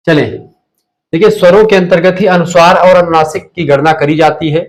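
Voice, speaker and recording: Male tutor, slightly high voice, runs a quick drilling revision class online. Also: fairly even intonation. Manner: drilling, asks questions then answers them himself. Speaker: teacher.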